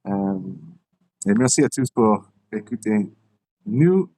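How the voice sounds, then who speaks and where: Male podcast host, native English speaker with a foreign accent in French; slow, hesitant, mellow, casual unscripted chat. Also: on the low side, expressive, no echo, soft background music, rough recording. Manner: halting, hesitant, searching for words.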